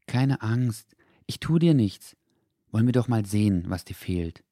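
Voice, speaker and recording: A man voicing a young, kind-hearted boy in a children's audio story, talking earnestly and gently. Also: medium pitch, lively intonation, normal speed, no echo, clean studio sound, voice pushed up, natural voice. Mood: gentle.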